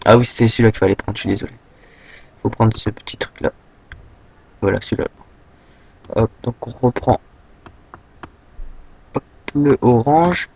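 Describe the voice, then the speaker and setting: A young man from France giving a casual, rambling software tutorial, full of fillers and a habit of saying "hop" as he clicks. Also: medium pitch, moderate pace, gravelly, long pauses, slightly rough, lo-fi sound. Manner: rambling, filler-heavy, says "hop" often. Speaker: tutorial maker.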